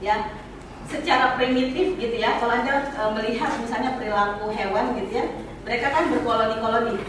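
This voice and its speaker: A woman lectures on psychology, explaining patiently and tossing questions to her students. Her voice sits a little high. The recording is distant and boomy, with a noisy room around her. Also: brisk. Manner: explanatory, asks students questions, many "ya" tags. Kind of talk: classroom lecture. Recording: echoey room, mic far off, noisy.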